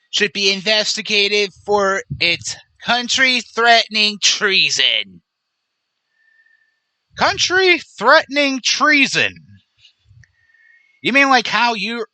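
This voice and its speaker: Indignant podcast guy, higher voice, really bright and sharp, dry mic. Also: no echo, rough recording. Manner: sarcastic, indignant. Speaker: podcast host. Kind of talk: political commentary podcast.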